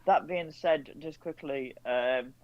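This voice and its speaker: A man's voice: a little high, takes it slowly. Guy hosting a football chat stream, candid and a bit fed up, dull lo-fi sound. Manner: blunt and candid, frustrated.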